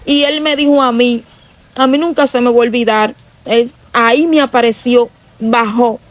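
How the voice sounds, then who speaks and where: A woman's voice: fairly high pitch, fairly even intonation, moderate pace, dry recording. A woman giving an emotional religious testimony, telling her story earnestly and repeating herself often.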